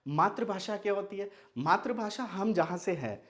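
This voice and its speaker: An animated young man with a high, fairly bright voice teaches Hindi online at normal speed. He is from Madhubani, Bihar, India, grew up speaking Maithili, and structures his explanatory video lesson around questions he then answers himself.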